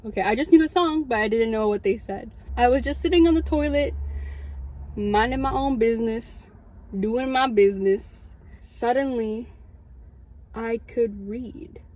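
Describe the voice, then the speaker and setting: Speaking to an audience about her time as a student chaplain, this Southern Californian woman in her early twenties has a fairly high, slightly mellow voice and an unhurried pace, heard on a rough recording. Her Californian American accent comes through in a casual, conversational telling sprinkled with frequent "like" asides.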